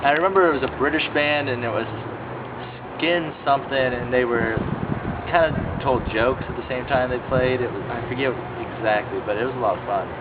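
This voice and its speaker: A man from a punk band answers in an easy, low-key voice. The sound is narrow and phone-like, almost buried under loud traffic noise outdoors. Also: a little fast. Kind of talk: casual interview answers. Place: outdoors at night by a street venue. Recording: tinny lo-fi recording with very loud street noise.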